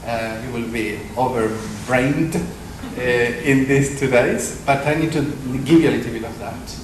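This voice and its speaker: A man's voice: medium pitch, measured pace. Man in an echoey conference hall. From Argentina. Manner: anecdotal, self-deprecating humor. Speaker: conference speaker. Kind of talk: conference talk. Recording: echoey hall with background noise.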